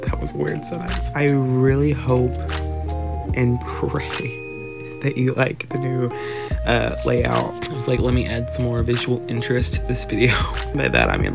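A man's voice: medium pitch, gravelly. A teenage boy with a stuffy, congested nose, rambling in a casual, self-mocking voiceover from his bed. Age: teens. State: nasal congestion. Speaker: art vlogger. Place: bedroom, sitting in bed. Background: background music.

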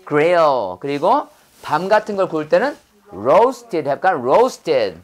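A middle-aged woman teaching English vocabulary, leading slow call-and-repeat drills and coaxing her students to say each word after her. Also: low voice, sing-song, darkish tone.

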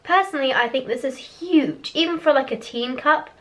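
A teenage girl with a fairly high, hoarse voice chats candidly and a little gigglingly to a webcam right in front of her face, reviewing products in a small bedroom with posters on the wall. Her voice cracks after a cough. She talks at normal speed over heavy background noise.

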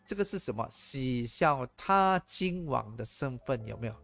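A male pastor delivers an animated sermon, asking the congregation rhetorical questions and slipping in English phrases. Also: mid-range voice, moderate pace, creaky, no room sound, soft background music.

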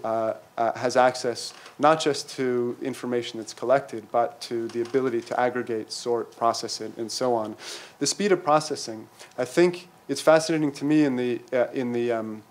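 A middle-aged man speaking at a conference panel, halting and full of fillers and restarts, into a table microphone in a lecture hall. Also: mid-range voice. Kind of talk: academic conference talk. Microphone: table mic on stand.

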